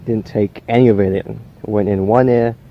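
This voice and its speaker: Man acting as unhinged awkward male killer, confessional drama monologue, low-pitched, halting and rambling, weak R's, dull lo-fi recording. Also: steady tone, natural voice. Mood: halting, musing. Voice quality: trouble pronouncing R's. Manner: halting, rambling, stammering, with odd chuckles.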